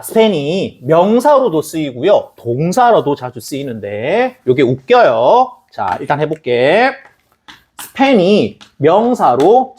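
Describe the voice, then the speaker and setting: A man teaching English vocabulary in a recorded lecture, chatty and lively, spelling out words syllable by syllable and slipping in joking asides to his students. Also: on the high side, husky. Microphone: camera recording a lecture.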